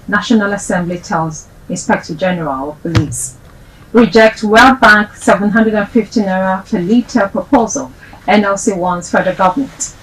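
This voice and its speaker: Female news anchor, formal measured read, mid-pitched voice. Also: rough recording. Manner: formal, measured headline delivery. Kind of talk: news reading.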